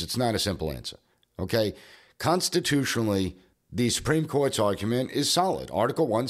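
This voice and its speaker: A man hosting a podcast, delivering an emphatic, argumentative political commentary monologue. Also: fairly low pitch. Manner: emphatic, argumentative, mocking at times. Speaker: podcast host.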